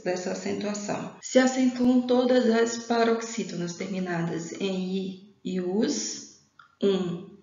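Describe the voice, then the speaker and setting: A woman teacher walks through a grammar lesson, repeating and correcting herself and checking in with her students. Her voice rings in a very echoey room, and the recording sounds dull and lo-fi. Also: medium pitch.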